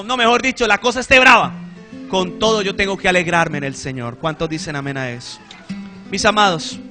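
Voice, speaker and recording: A man preaching a sermon in church, retelling a story with animated delivery and calls for amens. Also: sits high. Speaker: pastor.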